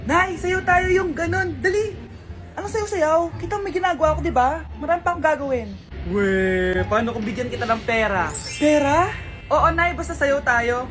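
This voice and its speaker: High-voiced woman acting out comedy skits. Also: animated. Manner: quick switches between characters, playful. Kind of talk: comedy skits playing every role. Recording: music behind the voice.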